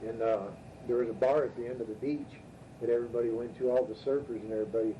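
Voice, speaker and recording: Rauer älterer Mann erzählt derbe Geschichten. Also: male voice, mid-range voice, steady tone, fast. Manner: rough, profane, drawling delivery. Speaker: storytelling father. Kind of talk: casual rambling storytelling. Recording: muffled distant tape recording, faint hiss.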